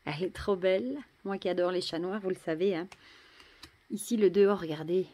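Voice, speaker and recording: A French woman casually showing and admiring tarot cards, chatty, often dropping to a soft murmur. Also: on the low side, brisk. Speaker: tarot deck reviewer. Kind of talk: casual show-and-tell.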